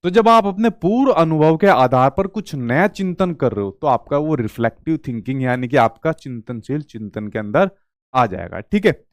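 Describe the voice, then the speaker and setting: Male teacher, clear smooth voice a bit high, close dry recording, question-and-answer lecture delivery. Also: lively intonation, no echo. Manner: explains slowly, asks and answers own questions. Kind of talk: exam-prep lecture.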